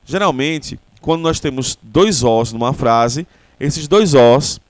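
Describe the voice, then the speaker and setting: A Brazilian man with a Brazilian Portuguese accent, an English teacher giving a language lesson and explaining slowly with repeated example words. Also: medium pitch, expressive, dry recording.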